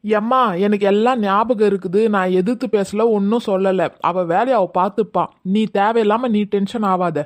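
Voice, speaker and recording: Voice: mid-range voice, normal speed, lightly acted. Someone playing a harried husband pleading for peace. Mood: exasperated. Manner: pleading and placating. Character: harried husband stuck between wife and mother. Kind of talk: comedy skit acting.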